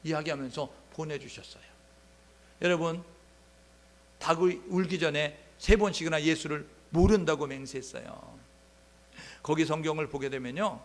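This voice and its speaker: Animated male pastor preaching. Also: a little high. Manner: animated storytelling, acting out biblical scenes in dialogue; addresses congregation directly with rhetorical questions. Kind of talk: sermon.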